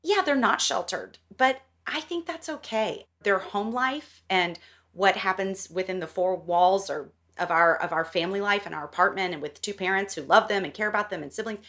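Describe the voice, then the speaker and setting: A woman's voice: mid-range voice, normal speed, a bit bright. A middle-aged woman from the American South, talking in a casual, emphatic podcast conversation and laughing now and then. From Southern United States.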